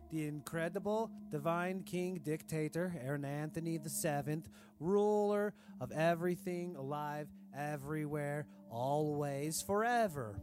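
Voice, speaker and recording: A man's voice: on the high side, close to an everyday voice. An actor playing a cruel, pompous dictator king who speaks in broken, grand formal sentences. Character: cruel pompous self-adoring dictator king, adult man. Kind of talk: comedic audio diary reading. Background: music.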